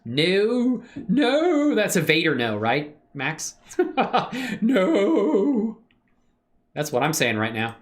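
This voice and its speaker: This livestream host's high voice swings hugely in pitch, and he speaks extremely slowly. Showing his 3D animation work, he chats casually with viewers in a laid-back, slangy, appreciative way, thinking aloud.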